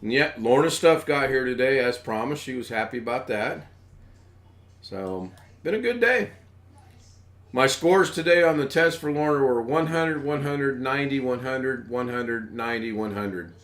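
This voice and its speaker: A man's voice: medium pitch, moderate pace, a bit bright. A man from the United States hosting a live stream in rambling, casual chat, chuckling as he goes.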